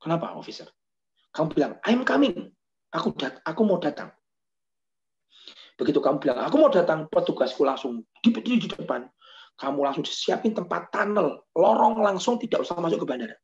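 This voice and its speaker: A man preaching a sermon as pastor, telling stories in a lively way and acting out the voices of the people in them. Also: fairly high pitch, brisk, muffled recording. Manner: animated storytelling, acts out quoted voices.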